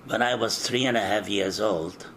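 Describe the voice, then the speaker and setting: An older man from eastern Czechoslovakia giving an oral history interview, recalling things in a slow, measured way with frequent hesitations. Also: fairly low pitch, a bit bright, a little hiss or hum.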